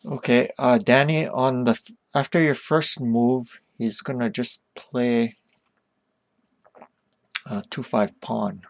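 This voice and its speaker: A man casually chatting with viewers on a live stream while going through shogi puzzles, talking them through at an easy, unhurried pace. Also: mid-range voice, steady tone, gravelly, dry recording. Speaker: streamer teaching shogi problems.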